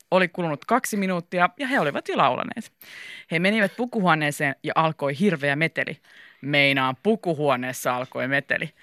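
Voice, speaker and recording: A woman reading a children's story aloud in a lively, animated way. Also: sits low, dry recording, studio quality.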